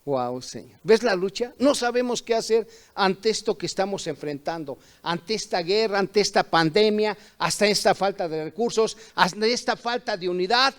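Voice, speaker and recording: A man with a high-pitched voice preaches a sermon, streamed online from a church service. He reads passages of scripture aloud and then drives his points home with emphatic rhetorical questions. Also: lively intonation, normal speed. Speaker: pastor.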